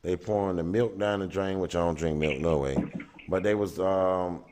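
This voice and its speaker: A man hosting a casual call-in livestream show, talking loosely with many pauses. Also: deep voice, a little mellow, slight background noise. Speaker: livestream talk show host.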